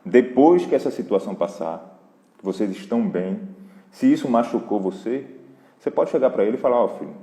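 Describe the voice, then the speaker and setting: A man with a Brazilian accent, hosting a live parenting Q&A in a relaxed, conversational way and talking straight to his viewers. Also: medium pitch, brisk. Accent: Brazilian Portuguese. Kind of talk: casual live Q&A talk. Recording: roomy hall echo.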